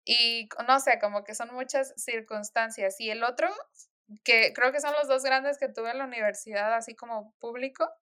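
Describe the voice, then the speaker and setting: A woman's voice: on the high side, steady tone, moderate pace, pushed and bright, clean tone. A young woman telling stories in a casual chat, full of fillers and laughs. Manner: chatty storytelling with frequent laughs and fillers.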